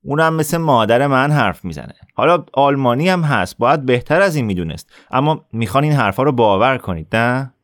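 A man's voice: mid-range voice, expressive, dry recording, studio quality, voice pushed up, close to an everyday voice. A man voicing a cruel, arrogant teenage boy who taunts and jeers in a raised voice. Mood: sneering. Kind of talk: audiobook character voice.

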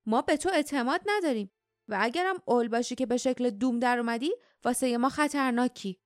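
A woman's voice: on the high side, dry recording, studio quality, faint music behind, close to an everyday voice. A woman doing a blunt, wary wild girl. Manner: blunt, quick.

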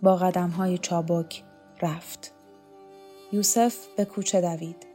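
A woman narrating a novel as an audiobook, in a calm, measured way. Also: lowish voice, soft background music.

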